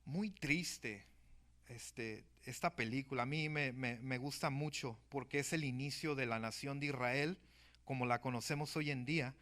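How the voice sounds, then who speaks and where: A man's voice: mid-range voice, normal speed, fairly bright tone. A man preaching a sermon at a church service, emphatic and often turning to address the brethren.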